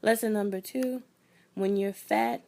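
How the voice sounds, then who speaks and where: A young woman telling a performed personal story with wry humor, swinging between loud bursts and near whispers. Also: medium pitch, steady tone, unhurried, vocal fry, a little hiss or hum.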